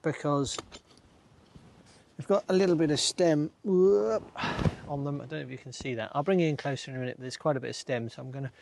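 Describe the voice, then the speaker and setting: A man's voice: a little high, brisk, creaky, darkish tone, a little hiss or hum. A middle-aged man talking casually as he works on his allotment, chatting and laughing to himself while digging and planting outdoors. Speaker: allotment gardening vlogger. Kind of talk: casual talk while working. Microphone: camera mic, sometimes far from the camera.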